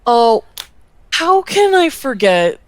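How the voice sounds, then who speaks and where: A woman's voice: a little high, big pitch swings, slow, dry recording. A woman guest in a casual interview, gushing about wrestlers in a loose, profane way. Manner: gushing, profane fan talk. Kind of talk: casual chat.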